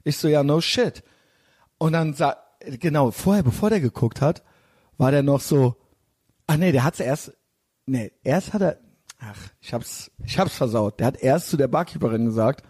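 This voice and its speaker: Husky, dark-voiced man telling a story. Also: medium pitch, animated, moderate pace. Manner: rambling, slangy retelling with fillers. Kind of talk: casual anecdote.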